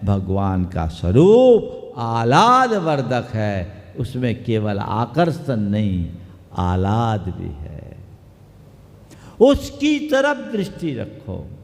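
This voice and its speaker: A man, a Jain monk, preaching a sermon in a measured, emphatic way, quoting scripture. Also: mid-range voice. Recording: long hall reverb.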